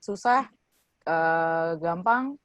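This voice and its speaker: A woman's voice: on the low side, animated, extremely slow, no echo, lo-fi sound. A woman with an Indonesian accent, a lecturer hosting a talk in an informal, explanatory way. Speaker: host and communication lecturer. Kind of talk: conversational explanation and interviewing.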